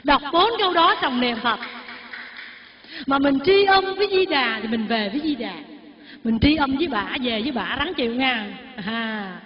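Speaking at a moderate pace in a high, expressive voice, an older Buddhist nun gives a Dharma talk and guides her congregation in call-and-response recitation. The dull, lo-fi recording captures an echoey hall and faint music.

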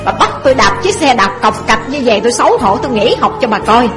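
A spoiled young student making blunt demands, put on by a woman storyteller. The voice sits high and stays bossy throughout. Faint music plays underneath. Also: big pitch swings, quick pace. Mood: demanding.

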